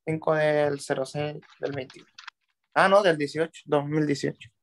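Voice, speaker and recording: A male student answers his teacher's questions in short, tentative bursts. His voice runs a little high for a man. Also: little pitch movement, moderate pace. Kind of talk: answering in class.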